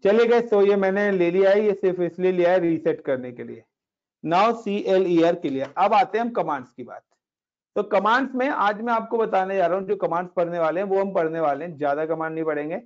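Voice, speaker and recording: This man's voice is high-pitched, brisk and a little mellow as he teaches a casual Linux class over screen share, explaining commands. Chatty in manner, he guides students step by step and slips in English words, captured on a dull lo-fi recording.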